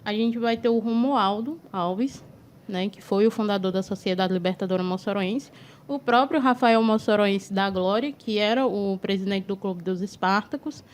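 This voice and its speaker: A woman's voice: medium pitch, normal speed, slight background noise. A woman northeastern Brazil, a guest on a studio talk show, explaining history at length in a lecturing way and often ending with "né". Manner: lecturing, frequent tag "né".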